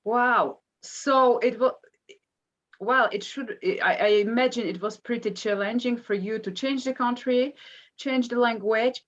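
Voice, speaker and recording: A woman's voice: medium pitch, highs cut off. A woman hosting an interview, asking questions and encouraging her guest with frequent short replies. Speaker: interviewer and host.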